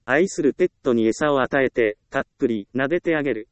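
A man giving scripted self-help narration in a calm, measured reading with frequent short pauses. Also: medium pitch, lo-fi sound, noisy background.

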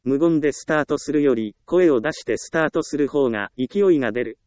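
A man narrating a self-help book in a calm, measured reading voice with even pauses. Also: mid-range voice, no room sound. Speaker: audiobook narrator.

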